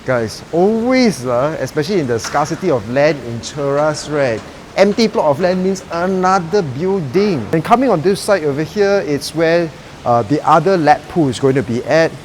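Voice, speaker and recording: His voice runs on the high side, animated and at normal speed, as this young Malaysian-accented vlogger shows off a residential complex while walking around outside and in. The tone is upbeat and colloquial, full of "lah," with a little hiss or hum.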